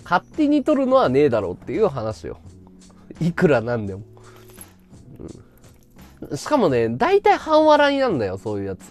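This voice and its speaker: A man live-streaming a casual chat, blunt and ranting, swinging from loud outbursts to low mutters. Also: wildly swooping pitch, moderate pace, long pauses, faint music behind.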